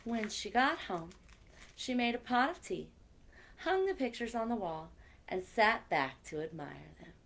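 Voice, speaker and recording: During a children's story time, a woman reads expressively and talks directly to the kids in chatty asides. She speaks a little slowly in a sing-song, mid-range voice that is a bit bright, with some vocal fry.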